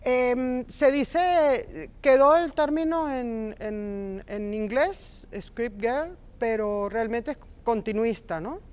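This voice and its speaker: A middle-aged woman from Argentina, raised in Venezuela, works as a film script supervisor and speaks passionately in an interview. Her fairly high, clear, resonant voice moves slowly with few pauses. She sounds warm and leans on emphatic repetitions.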